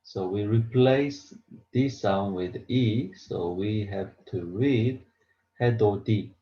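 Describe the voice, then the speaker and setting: Man, language teacher, lowish slow voice, halting and repetitive, dull roomy recording. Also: a little hiss or hum. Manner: halting, repetitive, simple English explanations. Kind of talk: beginner pronunciation lesson. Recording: roomy echo, dull lo-fi sound.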